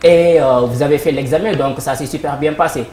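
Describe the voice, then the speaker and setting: A woman's voice: low voice, a little fast, mellow. A woman hosting a live TV word game, upbeat, cueing applause and greeting viewers. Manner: upbeat announcer, cues applause and addresses viewers. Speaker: game show host. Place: TV studio. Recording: echoey studio with faint noise.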